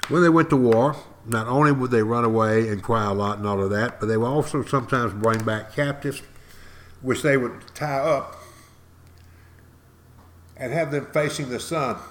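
An older man with an East Texas accent gives an informal history monologue as a podcast host, folksy and wry, leaning on repetition and pauses for emphasis. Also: mid-range voice, a bit bright, slight background noise. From East Texas, United States.

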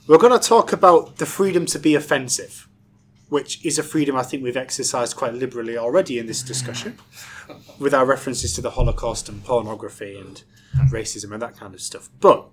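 A man's voice: medium pitch, a bit bright, a little hiss or hum. A man hosting a casual group discussion, chatty, often restarting his sentences. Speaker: discussion host.

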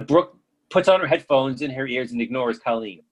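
A man's voice: medium pitch, animated, normal speed, husky. A man reading stage directions as scripted narration for a play.

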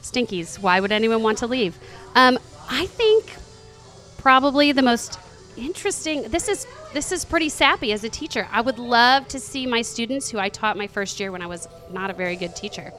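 A woman's voice: on the high side, expressive, normal speed, a bit bright, soft background music. A woman teacher, a guest on a chat show, answering in a chatty, bubbly way at a restaurant table. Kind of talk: casual interview answers.

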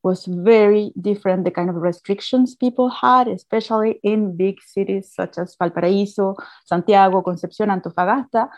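A woman from Chile explains things at an even, steady pace, restarting phrases as she goes. Her voice sounds dry and slightly dull, with no room echo. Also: medium pitch. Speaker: guest speaker. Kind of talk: talk presentation.

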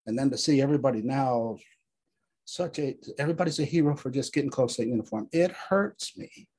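An older American man, a war veteran, telling a personal story in an earnest, emphatic way with repeated phrases, his voice husky. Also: mid-range voice, a little fast, a little mellow, poor audio. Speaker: Vietnam War veteran recounting his experiences.

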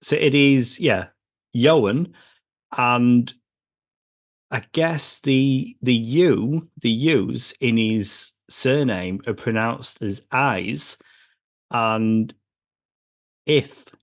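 A man co-hosting a comics film podcast, talking casually and a little haltingly about a movie. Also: mid-range voice. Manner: chatty, with filler and restarts. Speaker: podcast co-host.

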